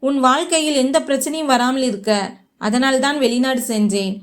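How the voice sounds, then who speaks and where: A lovesick middle-aged man pours out his heart in a spoken story, voiced by a woman narrator. The voice stays high and earnest. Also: steady tone, normal speed, natural voice. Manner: earnest, tearful.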